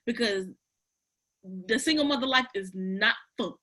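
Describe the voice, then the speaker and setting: Bright-voiced, insistent woman. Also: a little high, measured pace. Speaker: talk show panelist. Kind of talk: casual debate chat.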